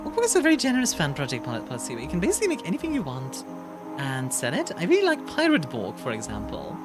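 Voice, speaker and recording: A woman's voice: deep voice, huge pitch swings, quick pace. A young woman streaming a video game, chatting casually and rambling with fillers and laughs. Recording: game music playing behind.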